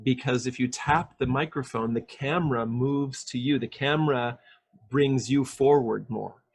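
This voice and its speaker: A man with a medium-pitched voice speaks a little slowly while being interviewed on a casual video call. An English speech coach, he patiently explains pronunciation and demonstrates the sounds.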